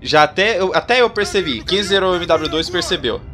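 Higher-pitched Brazilian man commenting on gameplay. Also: lively intonation, a little fast, bright, forceful tone. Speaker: gaming video host. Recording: voice over clear game music.

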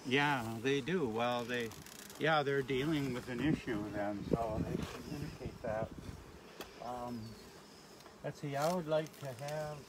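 A man's voice: mid-range voice, a little slow. A man giving a patient, joking beekeeping demonstration at his hives outdoors, picked up from a distance without a working mic. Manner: patient, explanatory, a little joking. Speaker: beekeeper teaching a hive demo. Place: outdoors at beehives. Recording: very noisy outdoor live stream.

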